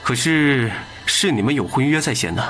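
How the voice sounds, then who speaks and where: An actor voicing a smooth, ingratiating, scheming prince hosting a banquet in an animated drama. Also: male voice, medium pitch, moderate pace, faint music behind, lightly acted.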